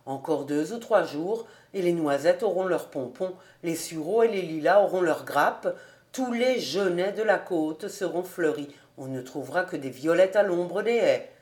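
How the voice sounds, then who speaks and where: A gentle, resigned old farmer from a storybook, speaking low and soberly, as a woman reader puts him on. His words come slowly and calmly. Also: roomy sound. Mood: content.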